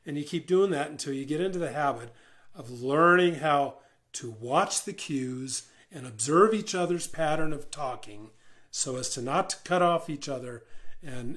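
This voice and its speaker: Chatty man teaching, lots of fillers. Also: fairly high pitch. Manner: relaxed, repeats words, many fillers. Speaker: marriage communication teacher. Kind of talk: informal teaching talk.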